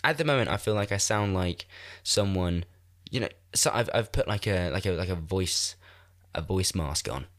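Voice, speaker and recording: Recorded on a desk microphone in a room of a shared house, this solo podcast host is a man in his twenties with a blocked nose. His voice is deep, expressive, and a little bright, moving at a moderate pace as he swears and rambles in a self-mocking way.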